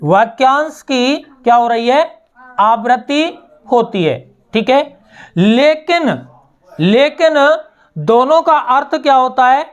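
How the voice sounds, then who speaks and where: A woman teacher giving a slow classroom explanation, asking her students questions and answering them herself, repeating key words. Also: high-pitched, expressive. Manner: recites verse lines slowly, word by word.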